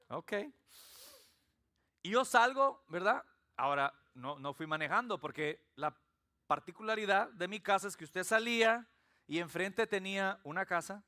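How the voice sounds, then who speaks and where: Salvadoran pastor, high and bright. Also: male voice. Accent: Salvadoran Spanish. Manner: animated storytelling with humor. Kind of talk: sermon. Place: church.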